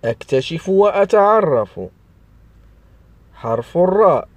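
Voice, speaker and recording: A man's voice: sits high, animated, unhurried, no room sound. A man giving a reading lesson to young children, stretching and repeating each word to stress its sounds. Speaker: primary school teacher.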